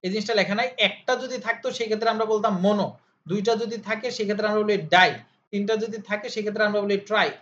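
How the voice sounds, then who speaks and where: A man's voice: high voice, fairly even intonation, rapid-fire, fairly bright tone. A male tutor in an informal lesson, asking questions and answering them himself, repeating key terms in drills. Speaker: chemistry tutor. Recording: slightly dull audio with faint hiss.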